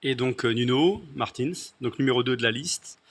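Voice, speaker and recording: A man's voice: mid-range voice, normal speed, husky. A man who is a municipal candidate, speaking in a hesitant way and often repeating words. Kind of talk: political discussion.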